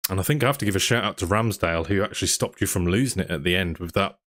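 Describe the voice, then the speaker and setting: A young man hosts a casual football podcast, chatting, reading out viewer comments, and asking questions. His voice sits low with a fairly bright tone, and he speaks at a racing pace.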